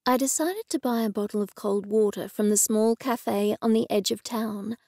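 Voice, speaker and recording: A woman narrating a novel in a gently expressive, scripted audiobook style, recorded close and dry in a studio. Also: a little high, moderate pace, no echo.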